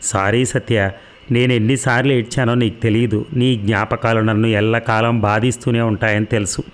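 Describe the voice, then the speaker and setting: A man's voice: medium pitch, natural voice. A man voicing a young man torn between his lover and his mother, firm yet regretful.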